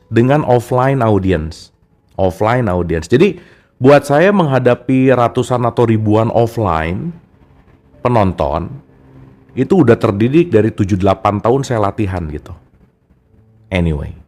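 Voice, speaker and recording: In a relaxed, chatty spoken discussion of a self-help book, a man addresses his listeners straight on like friends. His voice is mid-range and a little mellow.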